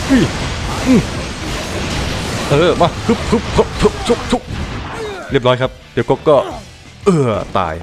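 A man hosting a casual gameplay commentary, chatty and jokey, swearing and laughing often. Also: mid-range voice. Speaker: gaming let's-play host. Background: game music.

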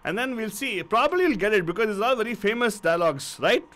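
A man with a South Indian accent co-hosts a radio call-in show. He talks very fast in a high voice. His pitch swings up and down in lively banter. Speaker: radio co-host. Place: indoor radio studio. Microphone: studio mic on boom arm, headphones.

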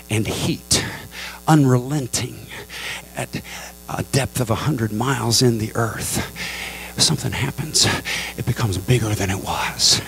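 A middle-aged male pastor preaching a Pentecostal sermon into a handheld mic, swinging from low, measured talk to high, fervent appeals and calling on the congregation to respond. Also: vocal fry, fairly bright tone. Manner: asks the crowd for response. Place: large church sanctuary with a congregation. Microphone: handheld microphone.

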